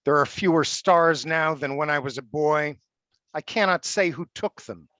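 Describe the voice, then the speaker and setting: A man's voice: on the high side, no room sound. A man poet who stammers and restarts as he talks, then reads his prose poems steadily over a video call. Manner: halting and stammering when talking, steady when reading. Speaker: poet and college faculty member. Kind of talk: poetry reading.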